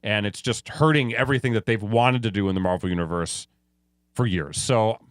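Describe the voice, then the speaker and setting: A man with a lowish voice co-hosts a TV podcast, speaking fairly quickly with no room sound. His casual, opinionated chat often trails off and restarts.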